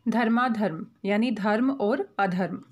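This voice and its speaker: A woman teaching Hindi grammar over slides, patient and methodical, slowing down to spell out each example word. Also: medium pitch, lo-fi sound.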